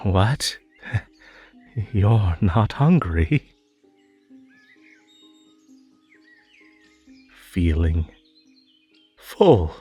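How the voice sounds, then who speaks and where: A man's voice: low-pitched, very animated, very slow, warm tone, husky, faint music behind, heavily acted. A man playing a whimsical, lonely and possessive magical rabbit host in a roleplay audio drama, coaxing theatrically with stammers and nervous giggles. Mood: nervous, unsettled.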